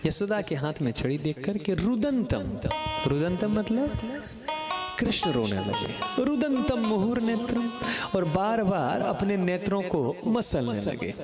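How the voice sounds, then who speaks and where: A man's voice: high-pitched, big pitch swings, slow, over music. A man giving a devotional scripture discourse, chanting verses and then retelling a story. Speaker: preacher.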